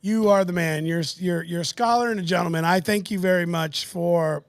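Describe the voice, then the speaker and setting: A man with a notably high voice hosts a business podcast, keen and encouraging. He affirms his guest often and sums up points with enthusiasm. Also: steady tone, normal speed, gravelly, no room sound. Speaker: host. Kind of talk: podcast chat.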